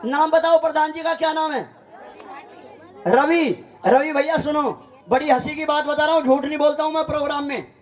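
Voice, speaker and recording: A man's voice: very high-pitched, steady tone, normal speed, a faint crowd. A man, joking and teasing a live audience from an outdoor village stage on a handheld mic. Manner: teasing, chatty, laughing between jokes. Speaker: folk stage performer.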